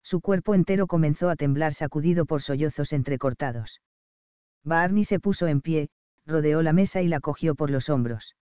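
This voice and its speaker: A man reading a novel aloud as an audiobook narrator, in an even, measured way. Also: on the high side, clean tone, no room sound, lo-fi sound.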